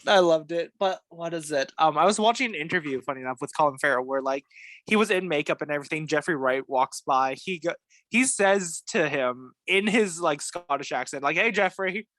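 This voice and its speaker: A young man co-hosting a podcast, leading a casual movie chat in an animated, jokey way. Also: fairly high pitch, brisk, no room sound. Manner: animated, jokey, leads the discussion. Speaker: podcast co-host.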